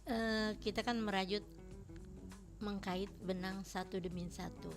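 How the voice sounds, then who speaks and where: A woman's voice: mid-range voice, steady tone, measured pace, music in the background. Middle-aged woman, plain short answers. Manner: plain, short answers with many yes-murmurs. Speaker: guest, knitting shop owner. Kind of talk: radio interview guest.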